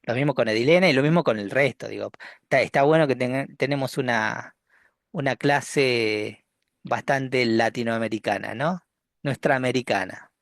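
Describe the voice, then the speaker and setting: Gravelly Rioplatense man lecturing online. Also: mid-range voice, normal speed, no echo, clean studio sound. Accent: Rioplatense Spanish. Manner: relaxed, joking, many restarts and "¿no?" tags. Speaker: university lecturer. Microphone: video call.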